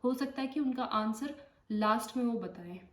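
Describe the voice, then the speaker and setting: An Indian nurse gives a casual spoken tutorial, frequently checking in with her listeners as she explains. Her voice is slightly high and moves at normal speed. She is off-mic and distant in an echoey room, with faint noise.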